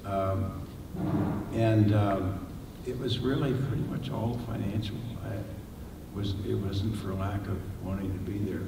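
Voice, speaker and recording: An older man speaking on a panel in a large library hall, his voice lowish and halting with fillers. He sits away from the table mic, so the sound is roomy with a long tail and steady background noise. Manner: halting, many fillers and restarts. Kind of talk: panel discussion answers. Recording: echoey hall, distant mic, noisy.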